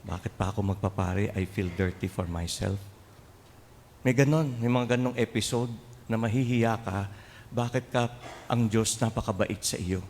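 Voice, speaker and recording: Older Filipino priest preaching in a hall. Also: male voice, fairly low pitch, normal speed, a little hiss or hum. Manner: humorous, animated storyteller who mixes in mimicry and chuckles. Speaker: priest and seminary formator. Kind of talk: homily with personal storytelling. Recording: long hall reverb, faint ambience.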